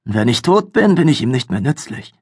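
Audiobook: male narrator playing a reassuring captive younger sister, soft and husky. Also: mid-range voice, big pitch swings, normal speed, no room sound, clean studio sound, pitched above the performer's own voice.

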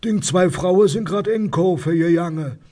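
A man plays a shrill, nosy old neighbor who talks in a thick Cologne dialect and keeps a close watch on the whole street. His voice jumps way up high and a little husky, as if he's calling across from his front step. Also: a little slow, mellow. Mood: gossipy. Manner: high squeaky chatter, eager gossiping. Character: nosy older male neighbor, shrill gossip.

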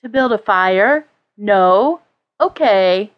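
A woman's voice: mid-range voice, lively intonation, slow, highs cut off. A woman voicing a wry young woman rider who jokes through her fear. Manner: joking, light sarcasm.

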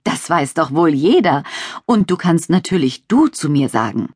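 A croaky little old witch, friendly and a touch scatterbrained, as a woman reads her in a children's audiobook. Her husky voice swings up and down in lively bursts, recorded close and dry. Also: deep voice, normal speed, no echo, full character voice. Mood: chatty.

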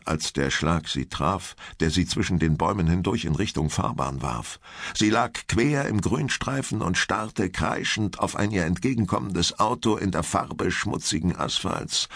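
A man narrating an audiobook in a slow, measured storytelling style. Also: low voice, vocal fry, a bit bright, husky, no room sound, clean studio sound. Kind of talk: scripted narration.

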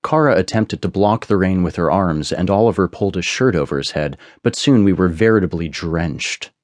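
A man narrating a suspense audiobook in a measured, storytelling manner on a close studio mic. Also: low-pitched, no room sound. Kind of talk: scripted narration.

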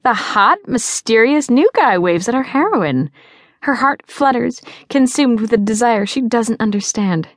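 Woman voicing a high, dramatic teen girl. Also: moderate pace, no echo. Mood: teasing. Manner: theatrical, excitable, teasing. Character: bubbly dramatic teenage girl, the friend Abby. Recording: dry studio.

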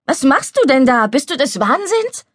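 A woman's voice: mid-range voice, fairly even intonation, moderate pace, a little mellow, dry recording, natural voice. A woman voicing a young maid who scolds urgently and anxiously, in a storybook reading. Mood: scolding. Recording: dry studio recording.

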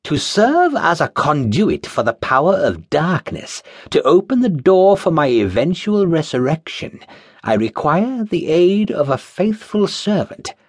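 An ancient cult master speaks in slow, measured commands, calm and sly, as a male narrator puts him on. His tone rises and falls in a lively way, and the reading is dry and close. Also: fairly high pitch, breathy edge, no echo, voice pushed up, exaggerated voice. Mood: solemn, commanding.

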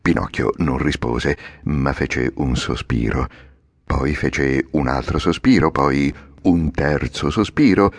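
A man's voice: very deep voice, slow pace, dry recording. A man reading a classic children's novel aloud as an audiobook narrator, in a theatrical, vivid storytelling manner. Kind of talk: scripted narration.

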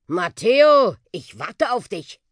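A woman's voice: on the high side, big pitch swings, slow, no room sound, pitched above the performer's own voice. Woman voicing a boastful old talking bus. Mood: cheeky. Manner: cheerful, show-off, breathless boasts. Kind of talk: children's audiobook reading.

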